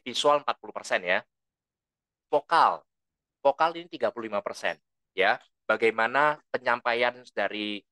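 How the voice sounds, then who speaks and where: A man delivers a presentation skills lesson in a bright, forward voice at a middle pitch. The sound is dry and close, with no room echo. He explains at an easy pace, habitually adding a questioning "ya" and speaking at a full, slightly loud volume. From lived abroad for a long time. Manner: relaxed, explanatory, tags sentences with "ya"; says his own volume tends to run loud. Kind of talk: lecture to a training group.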